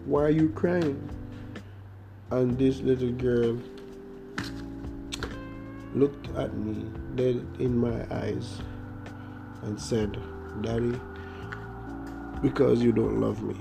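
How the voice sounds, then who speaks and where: With long pauses and a creaky, steady mid-range voice, a young Jamaican man slowly tells a story on his own podcast in a Jamaican accent. The monologue is casual, rambling and hesitant, full of fillers and restarts, set against background guitar.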